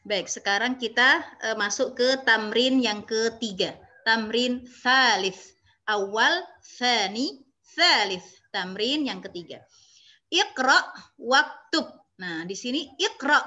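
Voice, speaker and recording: A woman's voice: medium pitch, bright, forceful tone. A woman teaching an online Arabic lesson, explaining patiently step by step and often adding "ya".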